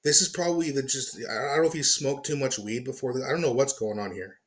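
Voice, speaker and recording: A man's voice: mid-range voice, fast, a bit bright. Exasperated male commentary host, swearing. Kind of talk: ranting reaction commentary.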